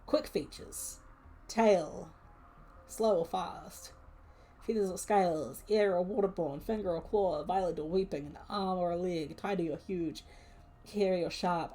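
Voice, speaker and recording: Low-voiced woman musing at a solo game. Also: darkish tone. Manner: musing aloud, rambling with many fillers; reads lists of prompts aloud. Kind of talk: live-streamed solo tabletop game.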